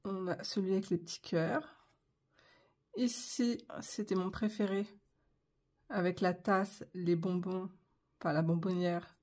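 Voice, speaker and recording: A woman's voice: lowish voice, steady tone, unhurried, pauses often, darkish tone. A middle-aged woman from France chatting casually in a craft vlog, rambling with many fillers and swallowing her syllables. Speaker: craft vlogger.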